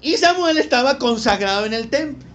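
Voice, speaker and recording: Brisk and animated, a pastor with a very high, somewhat bright voice preaches a sermon packed with rhetorical questions and acted-out characters. Lo-fi, slightly dull sound carries a faint noise.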